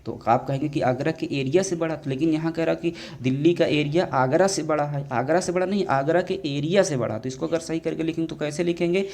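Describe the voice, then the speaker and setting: A man teaching an exam grammar lesson, constantly asking questions and answering them himself, calling his students dear children and drawing out English words slowly. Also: fairly high pitch, darkish tone.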